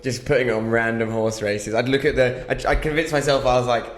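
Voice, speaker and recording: A man's voice: medium pitch, brisk. A man co-hosting a casual betting podcast, laid-back and hesitant, full of ums and self-mocking laughs. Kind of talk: casual chat. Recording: echoey room.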